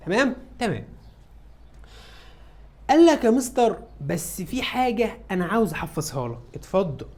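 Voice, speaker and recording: A high-voiced man with an Egyptian Arabic accent teaches an English lesson in a classroom style. He poses questions and answers them himself, and voices some lines as his students would.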